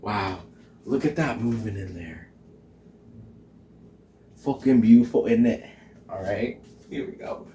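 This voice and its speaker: In a home kitchen cooking vlog, a young man in drag chats casually, giggling, swearing a lot over his tastings, and slipping into a mock Irish lilt. His voice is fairly low and dark, slow with long pauses. Picked up by a camera mic a few feet off, the sound is distant and echoey with a little hiss or hum.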